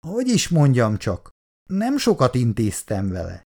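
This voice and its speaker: A man's voice: medium pitch, wildly swooping pitch, dark tone. A reader voicing a young man who answers in a hesitant, evasive way in a storybook reading.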